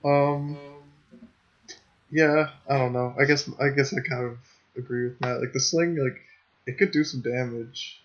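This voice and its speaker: A man's voice: mid-range voice, fairly even intonation, a little slow, long pauses. Hesitant man on a dull lo-fi mic. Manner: hesitant, hedging. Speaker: podcast co-host. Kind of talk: casual podcast chat.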